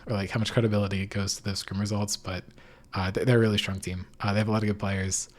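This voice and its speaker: A man's voice: on the low side, flat delivery, fast talker. A man hosting a casual esports recap in an informal, hedging way, his voice echoing in an unfurnished room. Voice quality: echoey, reverberant room sound. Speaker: podcast host. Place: echoey unfurnished room at home.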